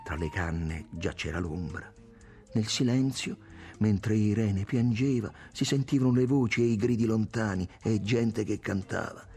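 A man narrating a literary novel aloud with an expressive reading. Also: lowish voice, gravelly, husky. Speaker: audiobook narrator.

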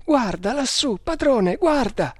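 A man voicing a frightened, loyal male servant in an audiobook reading, pleading in a high, shaky voice. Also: very animated, unhurried, sharp tone, no echo, clean studio sound, exaggerated voice. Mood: panicked.

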